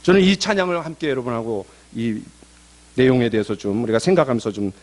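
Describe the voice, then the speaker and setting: A male pastor preaching a sermon, telling the story with lively quoted voices. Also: medium pitch, fast.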